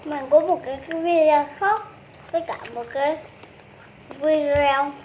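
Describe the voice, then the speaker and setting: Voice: high voice, steady tone, moderate pace, a little mellow, lo-fi sound. A youngster chatting casually to viewers during a meal as part of a small video channel. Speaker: YouTube channel member. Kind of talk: casual mukbang chat while eating. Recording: clearly noisy home-made recording.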